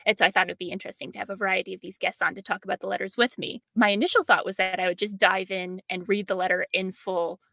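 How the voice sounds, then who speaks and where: A woman's voice: mid-range voice, fairly even intonation, fast talker, creaky, few pauses, fairly bright tone, no room sound. A young woman podcast host and document editor, talking thoughtfully in an interview and laughing often. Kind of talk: conversational interview.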